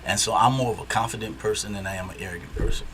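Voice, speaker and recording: A man's voice: on the low side, rapid-fire. Detroit guy talking on a chat show, emphatic, says things twice, a bit of faint hiss behind. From Detroit, USA. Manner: emphatic, repeats himself for stress. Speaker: guest. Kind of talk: casual interview talk.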